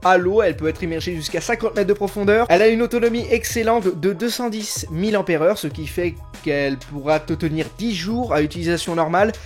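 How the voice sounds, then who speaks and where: This is a French man hosting a comedic tech review vlog. His voice sits high, and he mixes product details with crude, sarcastic jokes. Faint music plays under him. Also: quick pace, few pauses. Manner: jokey, crude, sarcastic asides.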